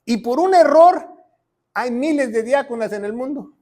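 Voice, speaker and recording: Emphatic high-voiced man preaching. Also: lively intonation, normal speed, dark tone. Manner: emphatic, repeats key phrases, frequent "¿va?" check-ins. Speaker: pastor and Bible teacher. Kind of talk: teaching sermon at a whiteboard.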